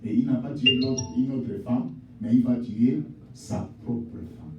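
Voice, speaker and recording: A male pastor preaching a sermon in a church, swinging between shouted exhortation and low, quiet address, calling the congregation mother, father and sister. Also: takes it slowly, distant mic, highs cut off, noisy background. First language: not English. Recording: echoey church hall, voice from off-mic.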